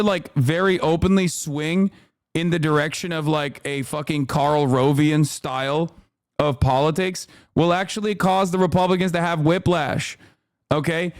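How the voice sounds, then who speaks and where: A man's voice: a little high, steady tone, moderate pace, clear, resonant tone, dry recording, clean studio sound. A man live-streaming political reaction commentary, talking in a profane, emphatic way and often tagging "okay?" onto his points.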